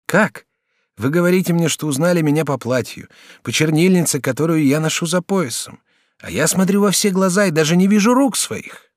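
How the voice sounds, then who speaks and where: A male audiobook reader voicing a courteous, talkative young student in his early twenties who speaks with a raised, excitable voice. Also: a little high, a little fast, dry recording, studio quality, voice pushed up, natural voice. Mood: eager. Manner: bright, animated, polite and excitable. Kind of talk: audiobook character reading.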